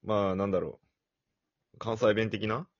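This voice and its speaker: A man's voice: lowish voice, fairly even intonation, normal speed, no echo, muffled recording. A young man co-hosting a casual podcast chat, joking and laughing often. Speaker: podcast co-host.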